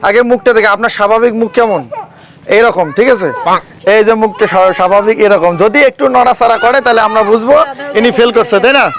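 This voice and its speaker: A man's voice: sits high, steady tone, quick pace, fairly bright tone. A man with a Bangladeshi accent hosts a street challenge, instructing contestants and repeating himself as he talks to camera. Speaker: challenge host. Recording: faint background noise, ambient sound.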